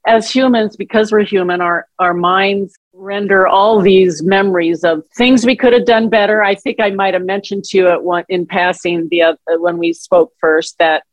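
A woman's voice: medium pitch, steady tone, moderate pace, few pauses, dry recording. A middle-aged woman in an interview, telling personal caregiving stories in a reflective, conversational way and acting out quoted dialogue. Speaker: guest, author and caregiver.

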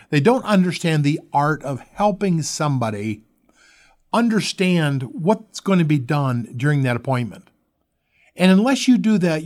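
A man's voice: fairly high pitch, darkish tone. A man hosting a podcast, coaching listeners on sales and acting out sample phone lines. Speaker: podcast host, roofing sales expert.

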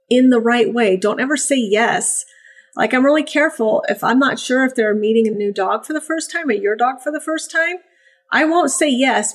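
On a relaxed podcast, a puppy breeder and trainer chats in a voice that sits on the high side. Her delivery gets lively and sing-song when she imitates puppies or gives praise.

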